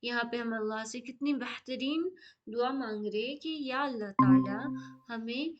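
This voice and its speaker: A woman teaching a dua lesson, explaining tajweed slowly and repeating each word for listeners to follow. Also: on the high side, dull audio. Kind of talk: Islamic lesson with tajweed drills.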